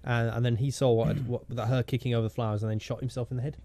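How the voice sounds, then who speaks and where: A man's voice: mid-range voice, flat delivery, rapid-fire, dark tone. A man co-hosting a podcast, trading silly jokes and breaking into funny voices. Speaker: podcast co-host. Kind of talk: casual comic banter.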